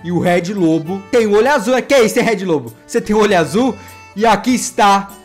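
A man's voice: high voice, animated, quick pace, faint music behind. A man narrating a survival game in character as a wolf father, with dramatic storytelling and playful exclamations. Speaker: gameplay vlogger voicing his wolf character.

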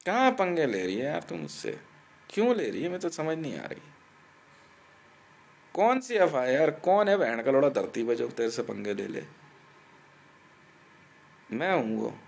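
A man's voice: mid-range voice, very animated, unhurried, creaky, pauses often. A man from India delivering a profane ranting monologue, aggressive and taunting, swearing constantly and laughing between threats.

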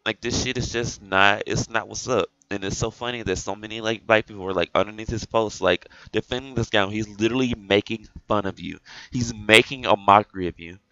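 A man giving an exasperated opinion rant to camera, repeating himself and filling pauses with "like". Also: fairly low pitch, fairly even intonation, bright, forceful tone, no echo, highs cut off. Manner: exasperated, repetitive, heavy on "like" fillers. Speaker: gaming video creator.

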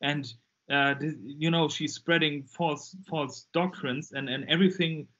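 A man from Germany with a German accent, speaking English as a guest in an interview about his ministry, earnest and animated. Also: a little high, unhurried. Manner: earnest, animated, acts out quoted voices. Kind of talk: casual interview over a call. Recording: muffled lo-fi call audio.

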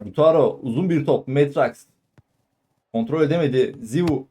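A man giving live football play-by-play in clipped phrases, calling out player names and shouting excitedly at goals and shots. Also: mid-range voice, normal speed, husky. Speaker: football commentator. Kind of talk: live play-by-play match commentary.

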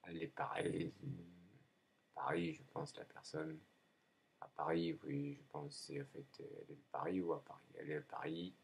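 A man in a rambling spoken monologue, halting often and repeating himself as if answering his own questions. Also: extremely low pitch, fairly even intonation, creaky, husky. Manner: halting, frequent hesitations.

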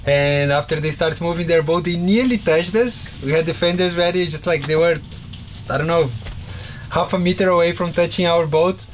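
Laid-back sailor guy, talking in his boat cabin, voice a bit high, faint hiss. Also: moderate pace. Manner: relaxed, rambling with fillers. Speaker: sailing vlogger. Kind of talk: casual chat. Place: inside a sailboat cabin.

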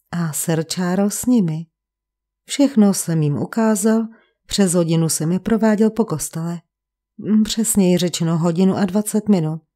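A woman's voice: fairly low pitch, warm tone, close to an everyday voice. A woman reading the part of a fussy English village vicar who speaks in a precise, cold and sarcastic way.

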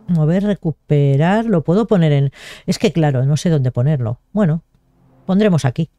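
A woman's voice: low-pitched, animated, moderate pace, mellow, soft background music. A young woman giving casual, chatty gameplay commentary and talking to herself as she plays. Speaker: gaming video host.

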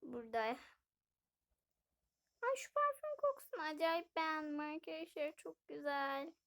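The speaker is a woman hosting a gaming video, casually narrating a life-sim game and addressing her audience directly throughout. Her voice sits high and is a bit bright, animated, at normal speed.

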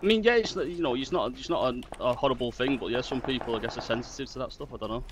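A man's voice: mid-range voice, quick pace, recorded from a distance, noisy background. A man talking with a teammate on voice chat during a game, laid-back and shrugging things off. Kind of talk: casual gaming chat.

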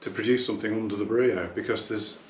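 Male dealer, low-pitched, easygoing unboxing chat; noisy room with clicks. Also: fairly even intonation, quick pace, reverberant. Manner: chatty, thinking aloud while handling the product. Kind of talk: casual unboxing talk.

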